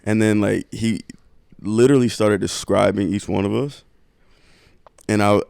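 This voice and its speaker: A man's voice: fairly low pitch, steady tone, a little slow, vocal fry, darkish tone, smooth, dry recording. A man co-hosting a podcast, telling a loose, profane story in casual chat and laughing often. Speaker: podcast co-host.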